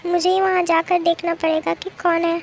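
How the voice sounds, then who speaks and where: A woman's voice: very high voice, level tone, a little fast, a little hiss or hum. A woman voicing a timid, easily frightened young woman who pleads and mutters to herself in a fan-made drama dub. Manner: anxious, pleading, talking to herself.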